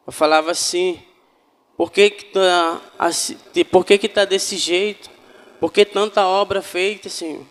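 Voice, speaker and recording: A man's voice: sits high, steady tone, a little slow, in a large hall. A man giving a fervent spiritual testimony to a congregation, often calling them brothers. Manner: fervent, addresses listeners as brothers. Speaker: church member giving testimony.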